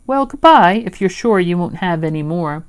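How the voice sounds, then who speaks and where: A woman voicing a fussy, cautious, prim male rabbit in a children's storybook, brisk and polite but stern. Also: lowish voice, animated, natural voice. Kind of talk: children's storybook read-aloud.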